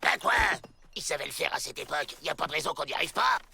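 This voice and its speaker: A man's voice: fairly high pitch, lively intonation, quick pace, gravelly, slight background noise, heavily acted. A man voicing a brash, short-tempered outlaw leader in a cartoon, who barks orders. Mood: scheming. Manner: bossy, shouting orders. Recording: cartoon dub with loud music.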